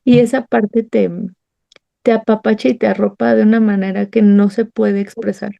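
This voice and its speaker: A woman's voice: medium pitch, flat delivery, normal speed, creaky, dull audio. A woman with a Mexican accent leading a Bible study, sharing a heartfelt personal testimony and acting out remembered conversations. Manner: warm, storytelling, acts out remembered dialogue.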